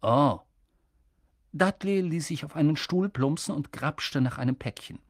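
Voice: mid-range voice, normal speed, darkish tone, no echo, clean studio sound. An audiobook narrator reading a story expressively and voicing its characters.

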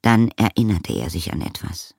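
A man narrating an audiobook in a measured, calm storytelling manner. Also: deep voice, creaky, no room sound, clean studio sound. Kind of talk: scripted narration.

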